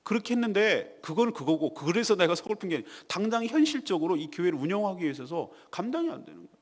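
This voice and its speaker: A man preaching a morning devotional sermon in a church, telling a personal story in a confessional way, dropping to a hush and then rising loud. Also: sits high, big pitch swings, fast talker. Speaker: pastor. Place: church sanctuary. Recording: long reverb of a church hall.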